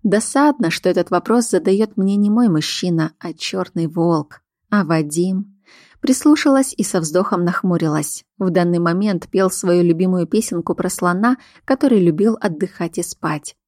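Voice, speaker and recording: A woman's voice: lowish voice, normal speed, darkish tone, no echo, studio quality. A woman narrating a first-person audiobook in a weary, wry inner-monologue manner.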